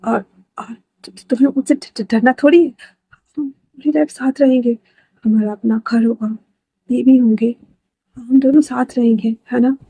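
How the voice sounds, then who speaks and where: Anguished, stammering young alpha, done by a female storyteller; slightly high, mellow. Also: steady tone, normal speed, vocal fry, long pauses, slightly rough, no room sound. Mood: soft coaxing. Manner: stammering, insistent, then soft and coaxing.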